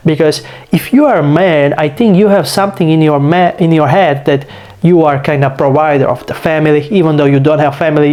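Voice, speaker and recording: A slightly high, darkish-toned voice belongs to a Slovak man in his twenties hosting his channel. A bit sick, he delivers a loose, meandering vlog monologue in accented English, relying on fillers such as "you know" and "like."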